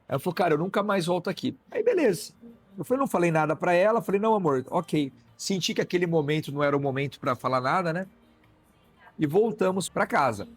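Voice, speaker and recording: A man's voice: fairly high pitch, lively intonation, fast talker. A man, a physician guest telling a personal story in conversation and acting out the dialogue. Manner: storytelling, acts out quoted dialogue, frequent "né?" tags.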